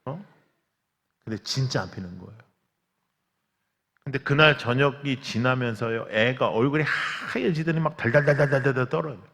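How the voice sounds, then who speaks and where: A man preaching a revival sermon as pastor, telling stories with lively acted-out quotes and cries. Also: mid-range voice, moderate pace, creaky, pauses often, husky. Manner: animated storytelling, acts out quotes and cries. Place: large church sanctuary. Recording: long church hall reverb.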